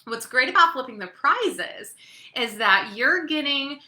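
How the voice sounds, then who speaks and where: Bright-voiced woman coaching her sales team. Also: high voice, animated, measured pace, reverberant. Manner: upbeat, chatty, checks in with "okay?" and "right?". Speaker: network marketing team leader. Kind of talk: webinar training talk.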